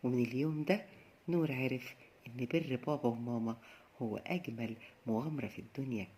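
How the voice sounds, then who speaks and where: A woman with an Egyptian Arabic accent narrates a children's bedtime tale in a gentle storytelling cadence. Her voice sits low for a woman. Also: a little fast, a little hiss or hum.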